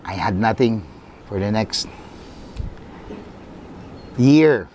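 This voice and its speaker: A middle-aged man with a Filipino accent, a football club CEO, telling his life story in a halting, earnest way. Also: lowish voice, expressive, darkish tone, a little hiss or hum. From Philippines. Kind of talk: personal storytelling.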